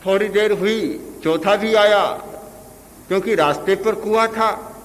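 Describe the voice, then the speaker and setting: An older man, a spiritual teacher, telling a parable as a sermon in short, measured phrases. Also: high-pitched, fairly bright tone. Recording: reverberant hall with faint hiss.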